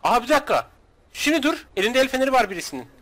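A man from Turkey hosting a gaming video, chatting casually with a friend while playing, excitable, joking and swearing. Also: very high voice, rapid-fire. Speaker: gaming channel host.

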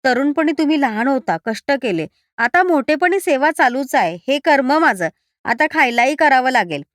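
A woman's voice: high-pitched, animated, normal speed, fairly bright tone, dry recording, studio quality. A woman doing a grumbling old mother-in-law. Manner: grumbling, scolding. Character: grumbling, sharp-tongued older mother-in-law.

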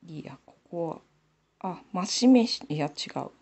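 A woman's voice: on the low side, lively intonation, a little slow, darkish tone, husky. A woman with a Nanbu Aomori accent, chatting casually to herself while knitting a sock on camera. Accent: Nanbu dialect of Aomori. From Aomori, Japan. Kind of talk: casual knitting tutorial chat.

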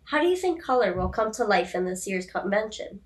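A woman's voice: medium pitch, big pitch swings, a little fast. Upbeat teen girl hosting a podcast. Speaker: podcast host. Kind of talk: scripted podcast interview.

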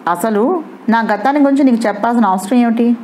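A woman's voice: fairly high pitch, quick pace, mellow, slight background noise, close to an everyday voice. Brief: a defiant young wife, read by a woman, cool and cutting.

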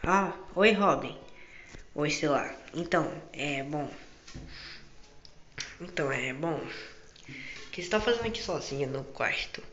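A man with a fairly high voice talks through an improvised game story in a casual, hesitant way. He repeats phrases often, and the muffled recording has room echo. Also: lively intonation, measured pace, long pauses, fairly bright tone. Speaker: gaming video creator. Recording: muffled, echoey room with background noise.

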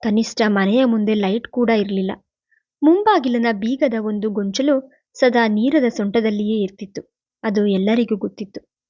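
A woman narrates a novel in a steady, even storytelling voice. Her pitch sits fairly high. The recording is dry and close, with a slightly dull, muffled top end. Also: normal speed, no echo. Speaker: audiobook narrator. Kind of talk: novel reading.

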